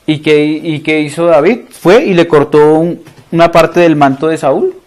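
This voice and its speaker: A man's voice: fairly high pitch, steady tone, a little slow, a little mellow. A man preaching with a Colombian accent, reading scripture aloud and then retelling it in casual everyday slang while putting questions to the congregation. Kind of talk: conversational sermon.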